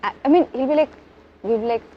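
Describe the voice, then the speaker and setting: A woman talking as a guest in a relaxed interview, chatty and quick to laugh. She slips into little acted quotes as she tells her stories. Her voice sits a bit high and the recording sounds slightly muffled and lo-fi. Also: slight background noise. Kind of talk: casual interview chat.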